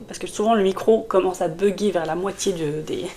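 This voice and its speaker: A woman reviews a fantasy novel to camera in a casual book vlog, speaking fairly quickly in a fairly low, dark voice. Her throat is sore from a cold, and she rambles chattily with lots of fillers and restarts.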